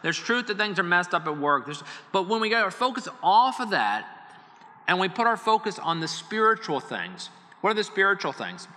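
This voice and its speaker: A man's voice: sits high, big pitch swings, moderate pace, pushed and bright. A middle-aged man, a pastor, preaching a sermon in an earnest, conversational way with many repetitions. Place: church hall. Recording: long reverb of a large hall.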